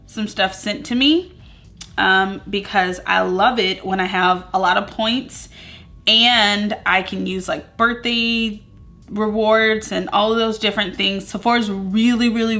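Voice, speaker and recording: A Southern US woman in her thirties, speaking at medium pitch, films a casual get-ready-with-me beauty vlog at home among moving boxes. She is chatty and upbeat, rambling along and leaning on filler words.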